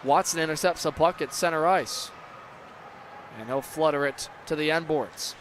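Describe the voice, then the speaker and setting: A man's voice: fairly high pitch, moderate pace. A man doing live play-by-play commentary of an ice hockey game. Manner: erupts into excited shouts on big plays. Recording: clear background noise.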